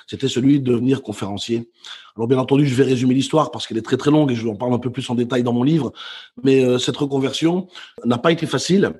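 Speaking in a husky, medium-pitched voice, a middle-aged professional speaker from Belgium tells the story of his career as a guest on a podcast. He joins remotely from home and is an animated storyteller, though he hesitates frequently.

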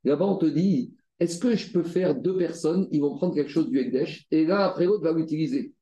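A man leads a Talmud study lesson. His voice sits a little high and sounds mellow, and he works through the text step by step with repeated phrases and rhetorical questions. The sound carries a noticeable room echo. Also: a little fast. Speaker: Talmud teacher. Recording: roomy echo.

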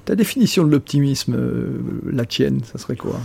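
Male interviewer, mid pitch, dark mellow tone, husky, affirming backchannels. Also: lively intonation, moderate pace. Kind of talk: casual interview.

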